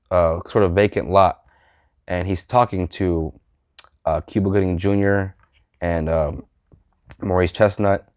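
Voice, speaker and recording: A man in his thirties reviewing movies in a casual vlog, halting and full of fillers and restarts. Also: low-pitched, darkish tone, smooth, dry recording, clean studio sound.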